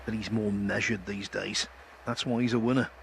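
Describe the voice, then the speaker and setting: A man's voice: fairly low pitch, fairly even intonation, normal speed, vocal fry, fairly bright tone, slight background noise. A man giving live snooker commentary as the match commentator, with articulate, polished phrasing.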